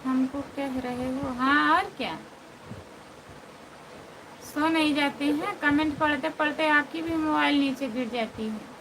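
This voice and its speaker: A woman with an Awadhi accent hosts a casual live stream on her phone, talking to viewers in a high voice. She speaks at a slow, unhurried pace and teases them playfully, with steady ambient noise behind her. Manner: playful, teasing, answers comments by name. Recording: noisy background ambience.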